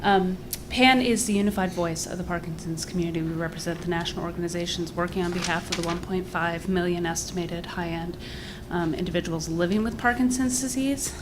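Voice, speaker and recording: Speaking fairly quickly with hardly any pauses, this woman has a lowish voice, and the background is noisy. She directs an advocacy group and offers public comment in an earnest, polite, formal register, mixing prepared remarks with off-the-cuff ones while slightly out of breath.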